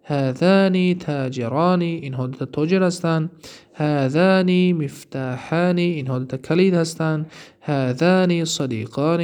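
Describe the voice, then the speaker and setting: Here a man with a Tajik accent, his voice a little high with a darkish tone, teaches Arabic grammar on a recording. Examples come slowly; the explanations that follow are quick.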